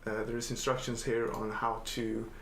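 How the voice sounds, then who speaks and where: A man calmly and methodically walking through a software tutorial he made, with the odd filler "uh". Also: medium pitch, moderate pace, gravelly. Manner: calm, methodical explaining with filler uhs. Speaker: software developer demonstrating his editor. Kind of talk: screen-recorded software tutorial. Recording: echoey room, faint noise.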